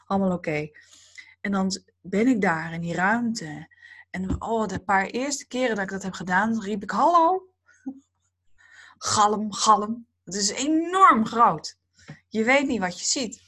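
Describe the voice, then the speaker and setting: A woman giving a spiritual talk to a group, speaking slowly and calmly in a dreamy, reflective way. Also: medium pitch, slightly rough. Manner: slow, calm, dreamy and reflective.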